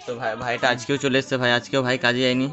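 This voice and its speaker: A man rattles through his day in a quick, chatty stream, mocking himself along the way. His voice sits in a middle register. It is captured on a phone with dull, lo-fi sound. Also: mid-range voice, flat delivery, pushed and bright. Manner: rambling, chatty, self-deprecating. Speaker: vlogger. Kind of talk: casual daily vlog chat.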